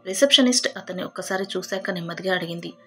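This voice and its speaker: A woman narrating a scripted storybook in a steady, dramatic reading. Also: lowish voice, fast. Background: faint background music.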